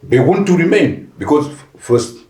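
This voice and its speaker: Deliberate man, roomy echo. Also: fairly high pitch, big pitch swings, a little mellow. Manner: deliberate with frequent restarts and fillers. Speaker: panel guest. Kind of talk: podcast panel discussion. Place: conference venue.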